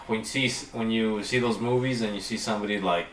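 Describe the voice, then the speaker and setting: Low-voiced man, halting, off-mic. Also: fairly even intonation, fairly bright tone, a little hiss or hum. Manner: halting, filler-heavy. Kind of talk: casual chat. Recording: echoey room, distant from mic.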